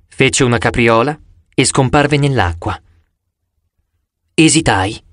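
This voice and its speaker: Expressive male audiobook narrator. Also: medium pitch, dry recording, studio quality. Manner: expressive storytelling. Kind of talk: scripted first-person audiobook narration.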